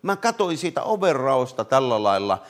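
A man preaching a fervent revivalist sermon, swinging from loud calls to hushed words and often addressing listeners directly. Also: medium pitch, very animated. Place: meeting hall.

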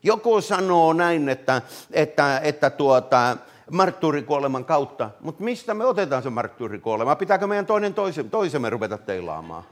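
A man preaching a fervent revivalist sermon, swinging from loud calls to hushed words and often addressing listeners directly. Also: a little high, sing-song, few pauses. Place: meeting hall.

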